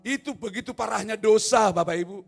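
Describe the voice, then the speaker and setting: A male pastor preaching a sermon in a church service, swinging from soft, low asides to loud shouted appeals, with teasing jokes along the way. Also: fairly quick, vocal fry, faint music behind. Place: church hall. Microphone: no mic at times.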